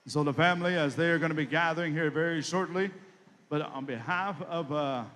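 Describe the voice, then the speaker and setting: A man's voice: on the high side, a little fast, fairly bright tone. A man working as a powwow emcee, making live announcements over an arena PA in a folksy, ceremonious way. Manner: folksy, ceremonious, addressing families and crowd directly. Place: large reverberant arena, over a PA. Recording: reverberant hall public address sound.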